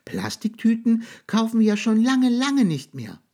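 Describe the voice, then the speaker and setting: A tiny, brave mouse girl with a shrill, urgent squeak of a voice, as a male storyteller puts her on. She sounds high and piping, far above a grown man's natural range, with a slightly breathy, soft edge from the reading voice behind it. A storybook character, small but determined. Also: sing-song, measured pace, full character voice. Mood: encouraging.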